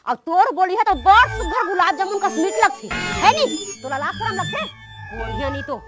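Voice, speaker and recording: A woman's voice: very high voice, lively intonation, brisk. A woman with a Chhattisgarhi accent acting a sarcastic, scolding wife in a comedy sketch. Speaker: comic actress playing a quarrelling wife. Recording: loud background music.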